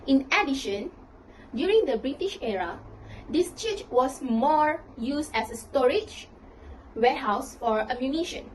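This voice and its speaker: Young Malaysian woman, student narrator, high register, scripted delivery. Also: a little slow, a little hiss or hum, poor audio. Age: young adult. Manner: steady, reading from a script. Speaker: student presenter. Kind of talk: read-aloud school presentation.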